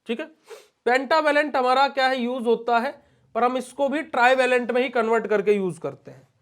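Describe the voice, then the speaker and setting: Young male lecturer, high voice, coaxing question-and-answer teaching style. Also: fairly quick, a bit bright. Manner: asks questions and answers them himself, calls students "beta ji". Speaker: pharmacy lecturer. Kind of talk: classroom lecture.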